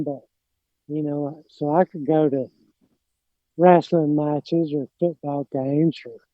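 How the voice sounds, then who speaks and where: On a podcast, a middle-aged man who runs a lawn care business talks casually in an Appalachian mountain accent, his somewhat high voice wandering, hesitating and fading out mid-thought. The audio is dull, with no echo.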